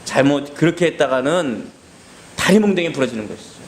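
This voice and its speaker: Animated male preacher, sermon. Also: fairly quick, slight background noise, poor audio. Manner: animated, acts out dialogue in high voices. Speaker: pastor. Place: hospital basement hall.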